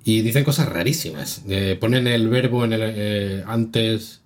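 A man's voice: fairly low pitch, unhurried. A man from Castile with a Castilian Spanish accent, a podcast co-host explaining things confidently in casual chat. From Castile, Spain.

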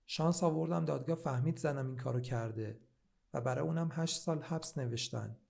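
A troubled male patient with a quiet, trembling voice, as a man reads him aloud. His gravelly, creaky tone sits at a middle pitch. It is told like a storybook. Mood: pained. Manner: quiet, shaky voice. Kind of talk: storybook reading.

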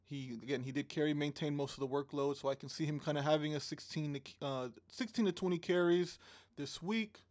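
A man's voice: fairly high pitch, brisk, a little mellow, no room sound. A man co-hosting a casual fantasy football show, easygoing with lots of ums and playful team banter. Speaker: fantasy football podcast co-host. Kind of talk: casual sports chat.

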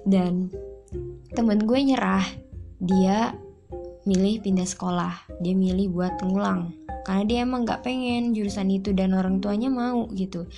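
A woman's voice: medium pitch, over music. Chatty young woman telling her story. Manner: chatty, drawn-out fillers, quoting herself. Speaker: vlogger. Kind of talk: casual personal storytelling.

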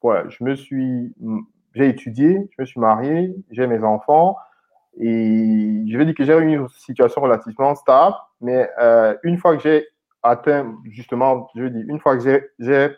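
A man's voice: medium pitch, moderate pace. Hesitant man from Cameroon, dull lo-fi sound. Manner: hesitant, many repeated words and fillers. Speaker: guest, IT consultant and founder. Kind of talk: casual interview conversation. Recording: slightly dull lo-fi audio.

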